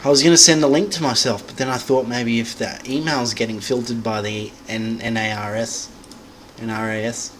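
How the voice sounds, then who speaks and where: A man's voice: mid-range voice, fairly even intonation, moderate pace, background noise. A young man, talking casually and crudely at home for his vlog, swearing and muttering as he browses. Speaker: vlogger. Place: home room.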